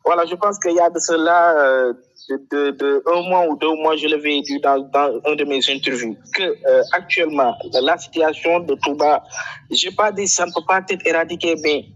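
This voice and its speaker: A man from Senegal, answering interview questions about flooding in a halting way, full of fillers and repeated words. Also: fairly high pitch, a bit bright, lo-fi sound. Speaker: flood prevention activist, guest.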